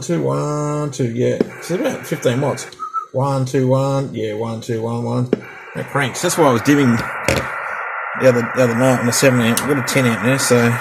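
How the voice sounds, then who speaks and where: In a medium-pitched voice, a chatty Australian man tries out radio gear for his hobbyist vlog. The casual, hands-on demo is rambling, and he repeats his test counts. Background noise is noticeable in the home recording.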